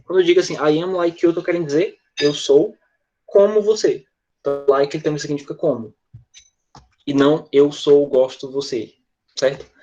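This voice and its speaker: Man, Brazilian Portuguese accent, English teacher, online class, slightly high voice, muffled lo-fi call sound. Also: steady tone, warm tone, faint music behind. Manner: chatty, joking, slows right down to model English phrases.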